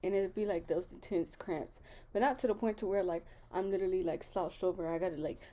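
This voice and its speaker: A woman's voice: fairly low pitch, brisk, warm tone. A young woman, chatting candidly to her viewers in a casual vlog, full of fillers. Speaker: vlogger. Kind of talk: casual chat.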